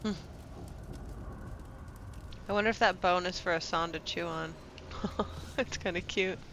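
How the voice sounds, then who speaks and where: A game streamer chats through her live gameplay, thinking aloud playfully with bits of slang. Her voice sits on the low side, slightly bright, steady in tone and unhurried. Faint noise and game ambience run behind her.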